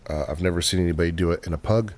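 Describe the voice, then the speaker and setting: A man with a very deep voice talks through a video game as he plays it. His commentary is relaxed and explanatory, broken by frequent filler pauses. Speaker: game walkthrough host. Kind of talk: casual gameplay commentary.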